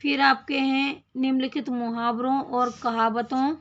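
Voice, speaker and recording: Slow, gravelly-voiced woman teacher. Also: sits high, level tone, a bit bright, muffled recording. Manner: explains slowly, repeats phrases, asks rhetorical questions. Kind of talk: Hindi grammar lesson.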